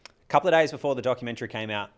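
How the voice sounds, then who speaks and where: A man's voice: medium pitch, rapid-fire. A man co-hosting a casual podcast, talking in a rambling way, often breaking off his sentences and laughing. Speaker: podcast co-host and club organiser.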